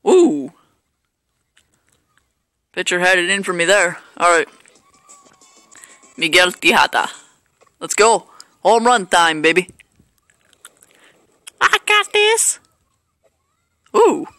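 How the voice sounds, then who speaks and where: A man's voice: sits high, expressive, slow pace, pauses often, bright, forceful tone, no room sound, studio quality. A man casually commentating his own baseball video game play, rambling and joking at himself with lots of fillers. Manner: rambling, self-mocking, hesitant with fillers. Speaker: gameplay commentator.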